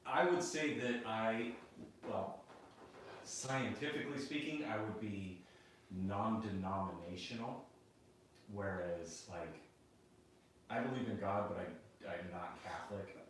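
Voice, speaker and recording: A man's voice: fairly low pitch, slow, pauses often. A man co-hosting a podcast who explains things in a thoughtful way in casual chat. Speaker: podcast co-host. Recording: far-off echoey room, faint noise.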